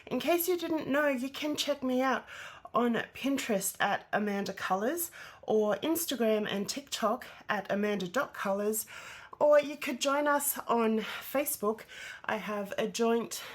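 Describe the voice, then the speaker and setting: A woman's voice: a little high, unhurried. A congested, nasal-sounding woman who is out of breath, chatting casually as host of a hobby channel. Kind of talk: casual vlog chat.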